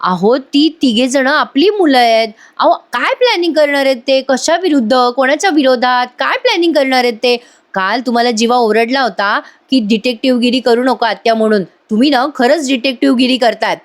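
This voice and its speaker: A woman's voice: high voice, fairly quick, lightly acted. A woman voicing a firm, dismissive mother.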